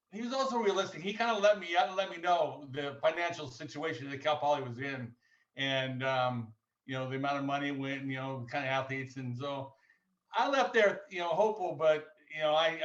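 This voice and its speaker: A man in his sixties telling a halting, rambling story of his student days on a video call. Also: medium pitch, fairly bright tone. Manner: halting, rambling, many restarts. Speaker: former athlete sharing memories. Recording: echoey, distant, dull video call audio.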